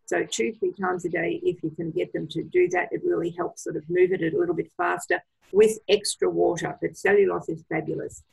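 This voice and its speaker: Gravelly husky woman on a video call. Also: on the low side, flat delivery, a little fast, a little mellow, poor audio. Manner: enthusiastic, gives advice with many fillers. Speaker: product trainer. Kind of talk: casual presentation on a video call.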